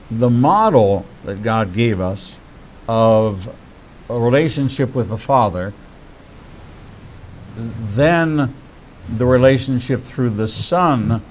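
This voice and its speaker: A man in his sixties hosting a faith-based interview, speaking in measured, preacherly phrases. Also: medium pitch, darkish tone, slight background noise, low-quality recording. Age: 60s.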